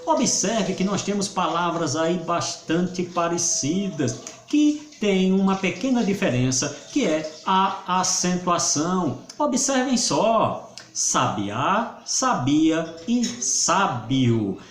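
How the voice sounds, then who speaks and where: A man's voice: high voice, lively intonation, slow, slight background noise. A male Portuguese teacher, giving a video grammar lesson and stretching syllables to make his point. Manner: didactic, stretches syllables for emphasis. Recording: roomy echo.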